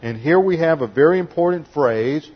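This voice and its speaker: A man preaching an expository Bible teaching sermon, explaining terms in a deliberate teaching tone and slowing down to stress key words. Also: a little high, animated, husky, dull audio. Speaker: pastor.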